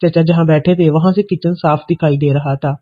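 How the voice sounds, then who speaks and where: A man narrating a scripted story in a steady, even reading manner. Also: fairly high pitch. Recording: tinny, phone-like audio.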